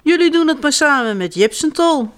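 A woman's voice: lively intonation, moderate pace, fairly bright tone. Woman doing a firm, scolding storybook mom. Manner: scolding, high and raised. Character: firm but caring mother of a small boy.

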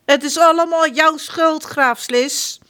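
A woman doing pompous Prince John, high and whiny. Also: takes it slowly, bright, forceful tone, exaggerated voice. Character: vain boastful greedy male prince.

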